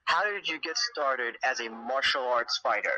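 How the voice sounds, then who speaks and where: A man hosting an interview, brisk, with frequent ums and quick acknowledgments. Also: mid-range voice, lo-fi sound, background noise. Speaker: host.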